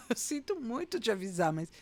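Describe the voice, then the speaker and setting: A Brazilian woman hosts a casual podcast chat, her pitch swinging widely as she talks. She is animated and acts out scenes with vivid voices. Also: normal speed, a little hiss or hum. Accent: Brazilian Portuguese. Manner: animated, acts out scolding parents in a shrill voice. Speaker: podcast host.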